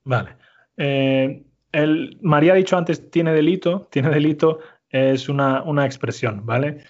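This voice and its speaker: A man from Málaga, teaching a slow, patient lesson, repeating answers and explaining words clearly. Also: fairly high pitch, a little mellow, dull audio. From Málaga, Spain. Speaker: Spanish teacher.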